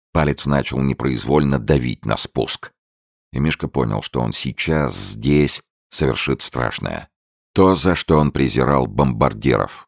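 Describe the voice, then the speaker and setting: Deep-voiced male crime audiobook reader, gravelly, lively delivery. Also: no room sound, clean studio sound. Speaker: audiobook narrator. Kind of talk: dramatic crime-novel narration.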